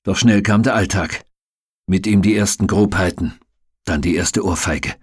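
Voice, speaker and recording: Husky, low-pitched male audiobook reader, dry booth sound, measured. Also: no room sound. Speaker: audiobook narrator. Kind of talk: audiobook reading.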